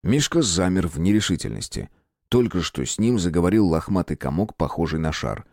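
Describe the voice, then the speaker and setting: Low dark male voice reading a storybook, lively intonation, dry close mic. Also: dry recording. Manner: measured storytelling. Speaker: audiobook narrator. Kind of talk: scripted narration.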